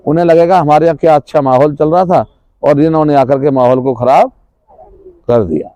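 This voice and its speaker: Male trainer lecturing a class; raised, dark-toned voice, quizzes listeners and repeats key terms. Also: on the high side, fairly quick, no room sound, highs cut off. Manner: questions the class, then answers, repeats key words. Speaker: trainer at a rural self-employment institute.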